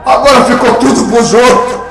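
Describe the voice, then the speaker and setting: A man voicing a tormented rich man in hell who pleads in anguished shouts. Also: very high-pitched, moderate pace, gravelly, recorded from a distance. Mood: desperate lament. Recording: echoey room with music behind.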